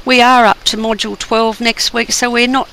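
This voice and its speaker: A hoarse co-instructor wrapping up a class session in a relaxed, chatty way. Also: mid-range voice, moderate pace, slight background noise, rough recording. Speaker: co-instructor of a course. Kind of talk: spoken class wrap-up.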